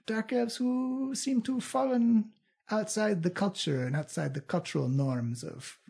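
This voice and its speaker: A man voicing a suave, flamboyant male dark elf rogue leader with a courtly, smug manner. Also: sits high, unhurried, gravelly, breathy edge, pitched above the performer's own voice, full character voice. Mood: smooth.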